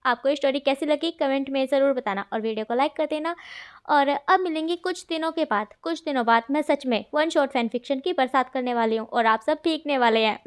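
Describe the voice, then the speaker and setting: A woman narrating a fanfiction story in a chatty, animated way as channel host. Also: high voice, a little fast.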